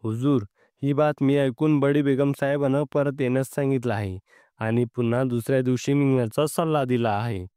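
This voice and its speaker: A man reading the lines of a cautious male advisor to a general in a storybook narration, deferential and measured. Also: mid-range voice, steady tone, dark tone, smooth, no echo, clean studio sound, lightly acted.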